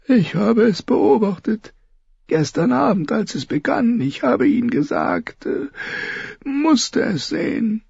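Dying old lord, high quavering voice, gravelly, husky whisper, halting, audiobook. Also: male voice, very animated, a little mellow, dry recording, highs cut off, full character voice. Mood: wistful. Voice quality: thin trembling whisper, crying. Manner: halting, wandering sentences. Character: frail dying old male lord, wistful. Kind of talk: audiobook reading.

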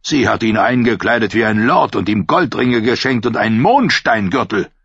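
A man voicing a gruff older lord who growls and grumbles in a storybook reading. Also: on the low side, animated, moderate pace, a bit bright, no room sound, lo-fi sound, voice pushed up, full character voice. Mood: grumbling.

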